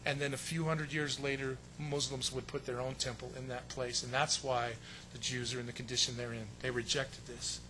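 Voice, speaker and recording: A man preaching a sermon with emphatic delivery, swinging between loud stressed phrases and hushed asides. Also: mid-range voice, level tone, moderate pace, background noise. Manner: acts out quotes in a raised voice. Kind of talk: sermon teaching.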